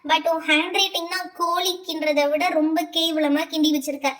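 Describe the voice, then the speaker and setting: A woman's voice: very high-pitched, steady tone, fairly quick, fairly bright tone, far from the mic. A woman voicing a strict, nagging female schoolteacher who lectures her pupils in a doll play. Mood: scolding. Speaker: teacher.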